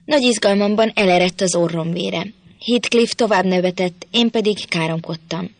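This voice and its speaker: A woman reading a novel aloud as steady, scripted narration on a close mic. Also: mid-range voice, no echo. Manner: steady storytelling. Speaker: audiobook reader.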